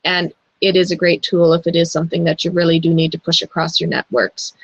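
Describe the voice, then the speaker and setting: A co-host on a casual online chat, this woman gives earnest advice and repeats her warnings over a video call. Her voice is low, flat, brisk, and a bit breathy, with no echo, carried by dull lo-fi call audio.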